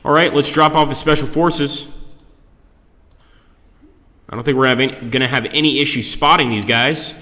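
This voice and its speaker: Guy livestreaming a game, bright forceful voice, echoes like he's in a cave, talking to chat. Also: mid-range voice, steady tone, normal speed, long pauses. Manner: talks to viewers, greets them by name. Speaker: live streamer, game commentator. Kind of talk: casual live gameplay commentary. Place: conference room, indoors. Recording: echoey cave-like conference room with long reverb.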